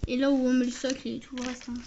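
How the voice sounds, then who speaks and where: A woman casually showing and describing a toy as she handles it, often ending phrases with a quick tag. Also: high voice, little pitch movement, warm tone, highs cut off, a little hiss or hum. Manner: talks while handling items, often ends phrases with a tag "hein". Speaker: toy reviewer. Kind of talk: casual unboxing and show-and-tell.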